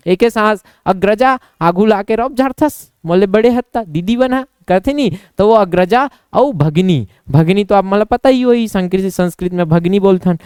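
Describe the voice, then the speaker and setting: A man's voice: high voice, moderate pace, a little mellow, smooth, dry recording, clean studio sound. A young man with a Chhattisgarhi accent teaching an exam-prep Hindi lesson, playfully acting out little scenes and quizzing himself.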